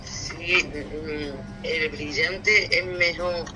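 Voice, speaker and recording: A woman, the mother of the vlogger, giving slow, unhurried advice over a phone call. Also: low-pitched, fairly even intonation, bright, forceful tone, soft background music.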